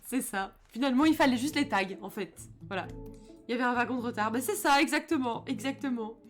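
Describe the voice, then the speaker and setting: A woman's voice: a little high, fast talker. A young woman with a French accent streaming a video game live, chatting casually and joking while she thanks her viewers. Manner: chatty, jokey, reads chat aloud. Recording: music playing behind the voice.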